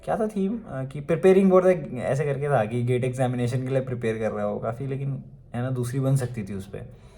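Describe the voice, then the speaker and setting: A man's voice: mid-range voice, moderate pace, vocal fry, warm tone. Chatty young Indian man telling a story. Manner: chatty, many fillers and asides. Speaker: vlogger. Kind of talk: casual storytelling.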